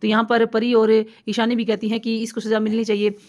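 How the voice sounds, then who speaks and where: A woman narrating a recap of a TV serial episode in a rapid, run-on retelling with fillers. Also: fairly high pitch, level tone, darkish tone, dull audio. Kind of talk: fast story recap narration.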